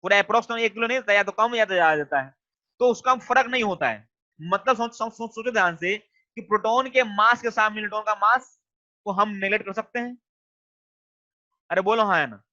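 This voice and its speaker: Bright high-voiced man teaching online. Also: brisk. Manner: coaxing, repeats questions to students. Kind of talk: online class lecture. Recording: dull lo-fi sound.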